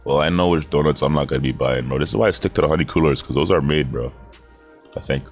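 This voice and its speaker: A man's voice: very deep voice, fast, loud music behind the voice. A man hosting a reaction video, commenting casually in an incredulous, slangy way and calling viewers bro.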